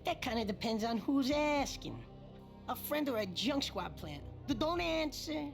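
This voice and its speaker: Swooping, creaky mocking mobster. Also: female voice, sits high, big pitch swings, unhurried, soft background music, full character voice. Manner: drawling, mocking, theatrical. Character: mocking, murdering mobster punk with shark smile. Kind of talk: taunting video game villain acting.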